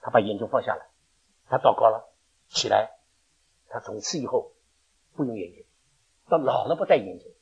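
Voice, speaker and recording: A man's voice: mid-range voice, expressive, normal speed, creaky, long pauses, slightly rough, muffled recording. A man preaching a sermon, telling stories in a chatty way with laughs and stammered restarts.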